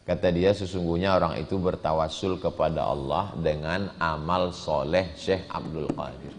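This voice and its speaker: A male preacher giving a sermon, switching between chanted Arabic phrases and lively explanation. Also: deep voice, moderate pace, slight background noise. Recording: long hall reverb.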